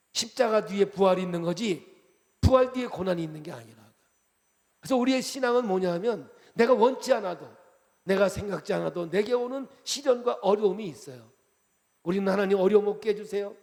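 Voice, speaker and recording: High-voiced, gravelly Korean pastor preaching. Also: male voice, in a large hall. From Chungcheong, Korea. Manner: animated, jokey preaching with quick shifts between loud and soft. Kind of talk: revival sermon.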